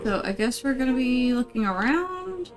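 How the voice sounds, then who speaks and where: A woman's voice: high voice, big pitch swings, moderate pace, music in the background. A woman playing through a game demo, musing casually and reading the game's text aloud with little exclamations. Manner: musing, reads lines aloud with small exclamations. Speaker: gamer trying a game demo.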